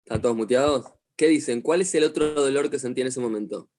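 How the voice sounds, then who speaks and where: Animated Argentine man teaching online. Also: medium pitch, fast talker. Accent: Argentine Spanish. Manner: animated storyteller, asks the class questions. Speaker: psychologist teaching an online class. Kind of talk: online lecture to a class. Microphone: video call.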